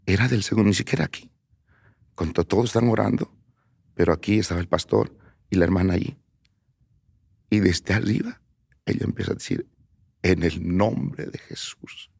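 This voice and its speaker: Testimony guest: low, gravelly man, husky, halting, often near a whisper. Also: no room sound. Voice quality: creaky, husky voice. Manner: halting storytelling, drops to a soft near-whisper. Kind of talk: personal testimony on radio.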